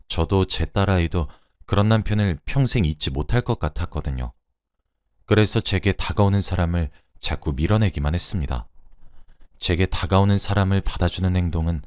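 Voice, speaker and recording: A man narrating a first-person story as a radio drama in a steady, even storytelling manner. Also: low voice, dry recording, clean studio sound.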